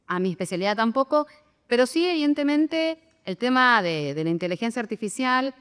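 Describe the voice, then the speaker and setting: A woman, a law professor, giving measured remarks on a panel. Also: fairly high pitch, animated, fairly bright tone, clean tone, in a large hall. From Argentina.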